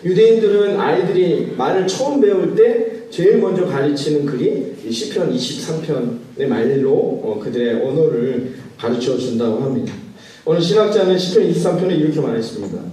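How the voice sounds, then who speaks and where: A male pastor preaching a sermon, pausing often and putting questions to his congregation. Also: fairly high pitch, expressive, warm tone. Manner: measured, with frequent "uh" pauses. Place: church sanctuary. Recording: very echoey church hall, mic at a distance.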